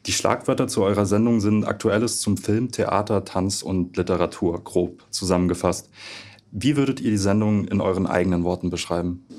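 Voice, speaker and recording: A man's voice: sits low, fairly quick, darkish tone. A man interviewing guests on a radio show, asking questions formally.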